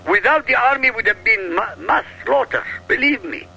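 This is a man from Iraq holding forth as a talk show guest. He is emphatic and insistent and throws out rhetorical questions. His voice is sharp and forceful, fairly high, and swings across a wide range. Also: expressive, moderate pace, gravelly, husky, poor audio. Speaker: guest commentator. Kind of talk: heated political talk.

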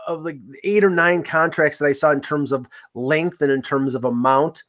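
A man's voice: fairly high pitch, steady tone, moderate pace, fairly bright tone. A man hosting a casual sports podcast, talking in a rambling way with many restarts and fillers. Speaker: podcast host.

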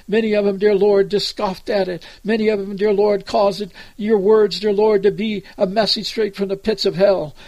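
This American man leads prayer as a preacher, extemporaneous, earnest and pleading, repeatedly speaking to God. His high voice is slightly mellow, captured dry on a low-quality recording.

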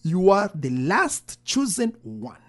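A man's voice: high-pitched, huge pitch swings, slow pace, voice pushed up, exaggerated voice. A man quoting God as a solemn, commanding voice while recounting a vision. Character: God speaking, commanding and stern, male.

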